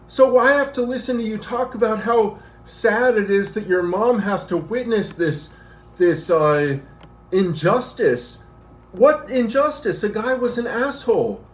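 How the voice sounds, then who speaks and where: A man in an argumentative rant to camera, out of breath from working out as he talks. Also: sits high. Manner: animated, argumentative, working out while talking. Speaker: vlogger. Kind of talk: ranting commentary to camera. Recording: echoey room.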